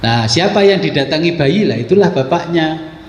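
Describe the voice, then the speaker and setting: A man's voice: fairly high pitch, animated, normal speed. A man teaching a religious kitab study, explaining in a casual, folksy way with rhetorical questions. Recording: echoey hall with faint ambience.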